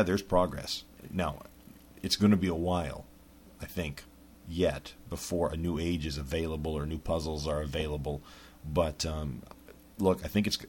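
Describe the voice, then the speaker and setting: A man's voice: very deep voice, slight background noise. A man hosting a podcast, talking casually in a rambling monologue full of restarts. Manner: rambling, lots of restarts and fillers. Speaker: podcast host.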